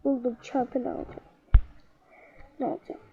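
A young woman casually commenting on a game as she plays, often muttering to herself and telling herself to stay calm. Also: high voice, a little fast, vocal fry. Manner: talks to herself while playing, muttering and calming herself. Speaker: gamer. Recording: dull lo-fi sound with noise behind.

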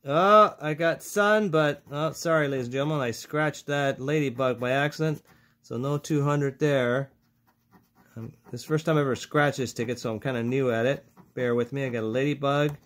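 A man giving casual, excitable commentary as he scratches lottery tickets, talking to his viewers as ladies and gentlemen. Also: mid-range voice. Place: indoors at a table, over a cutting mat.

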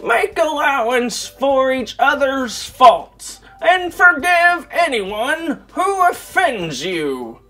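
Woman putting on an old grandma voice, slow, drawn-out, shaky. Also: high-pitched, sing-song, a bit bright, faint music behind, full character voice. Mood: old-voiced.

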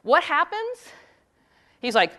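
A woman giving a conference talk, retelling a story with quick, animated asides. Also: high voice. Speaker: conference speaker; teacher.

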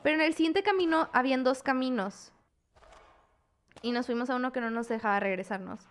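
A woman's voice: sits high, brisk. A young woman streaming a horror game, jumpy and exclaiming at scares while talking to her chat. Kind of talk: gaming commentary.

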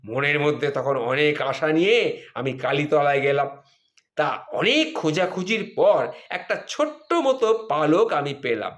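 A man's voice: fairly high pitch, expressive, a little slow, fairly bright tone. A man telling funny stories about his married life in a wry, self-mocking way. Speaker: storyteller. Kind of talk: humorous spoken storytelling.

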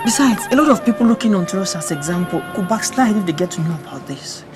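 A man's voice: high-pitched, expressive, quick pace, poor audio. An actor playing a hypocritical young churchman who stammers and talks his way around things. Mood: persuasive. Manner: stammering, evasive, persuasive. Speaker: actor in a gospel film. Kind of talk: film drama acting. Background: background film music.

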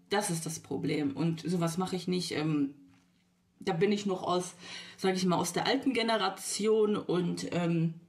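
A woman vlogger telling a storytime to her viewers, retelling a text chat line by line with indignant, exasperated asides. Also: lowish voice. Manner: lively retelling, quotes text chats back and forth; indignant, exasperated asides, sometimes drops to a whisper.

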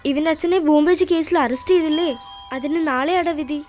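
A woman's voice: high voice, quick pace, a little mellow, faint music behind, close to an everyday voice. A woman dubbing a film role: a cheeky, tearful six-year-old child with a childish, pleading way of talking. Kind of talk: film dub.

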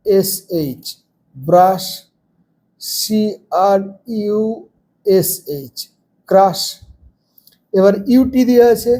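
A man's voice: high voice, a little mellow. A man teaching young children from a textbook, patiently spelling words out letter by letter. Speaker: primary school teacher.

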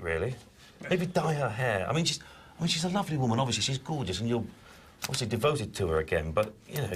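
An awkward image adviser who hedges and backpedals. His pitch swings lively up and down, over faint background noise. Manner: awkwardly tactful, hedging.

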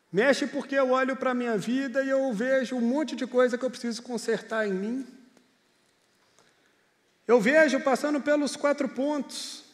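High-voiced pastor in a reverberant hall. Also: male voice. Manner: earnest, conversational storytelling. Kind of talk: sermon.

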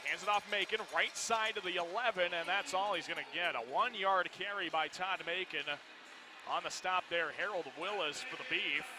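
A man's voice: sits high, background noise. A man giving live football play-by-play as a radio sports commentator. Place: broadcast position in an indoor arena.

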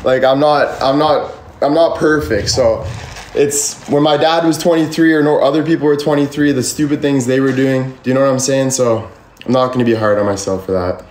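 A man in his twenties vents on a livestream, rambling, defensive and emphatic, and swearing freely. His mid-range voice runs a little fast with a darkish tone. He films on a phone held at arm's length in an echoey bedroom with a ceiling fan, and a little hiss or hum is audible.

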